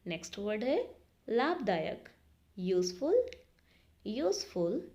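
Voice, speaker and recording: A woman's voice: mid-range voice, big pitch swings, slow, warm tone. A woman teaching English vocabulary in Hindi, patiently saying each word and repeating it before giving its meaning. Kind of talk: slow vocabulary lesson, word by word.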